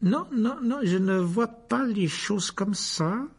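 A man's voice: a little high, sing-song, creaky, a little mellow, husky, voice pushed up, exaggerated voice. A man voicing a cold, sneering male potions teacher who drags out his words, in a storybook reading. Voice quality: sneering, icy, drawn-out.

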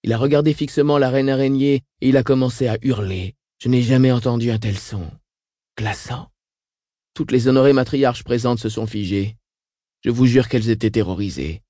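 A man reads the part of a frail, weakened old sister describing horrors flatly and without flinching, lightly acting the role at a moderate pace. His dark, mellow, mid-range voice is recorded dry and close for an audiobook. The mood is grim.

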